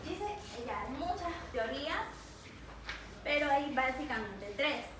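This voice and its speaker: A woman's voice: high voice, animated, heavy reverb. Young woman, student presenter, hesitant; far-off mic in a noisy room. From Ecuador. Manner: hesitant, halting with fillers and restarts. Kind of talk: classroom presentation.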